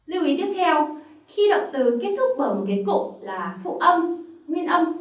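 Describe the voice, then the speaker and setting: Woman, Vietnamese accent, higher voice, patient grammar teacher; roomy, slightly distant mic. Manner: patient, step-by-step explaining with repeated examples. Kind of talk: classroom-style grammar lesson.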